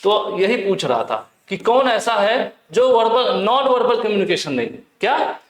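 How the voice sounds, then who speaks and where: A man's voice: sits high, sing-song, moderate pace. A man teaching an exam question-bank lesson, asking questions and answering them himself, repeating points and reading English questions aloud. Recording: echoey room.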